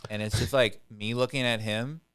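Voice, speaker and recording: A young man hosting a casual podcast chat, animated and quick, slipping into playful quoted voices. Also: medium pitch, clean tone, no echo. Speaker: podcast host.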